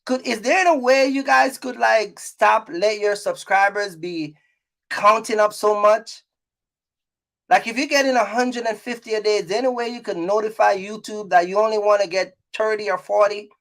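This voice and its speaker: A middle-aged man speaks at a normal speed in a high-pitched, steady, gravelly and fairly bright voice. As a trucking business owner and content creator, he talks casually to his vlog viewers, repeating himself emphatically and often confirming they understand.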